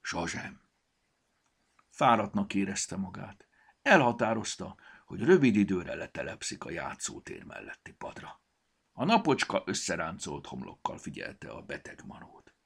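A man reading a children's story aloud in an expressive way. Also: sits low, gravelly, slightly rough. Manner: expressive, animated.

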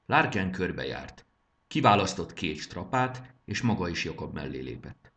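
A man reading a children's adventure story aloud in an expressive, steady manner. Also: low voice. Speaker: narrator.

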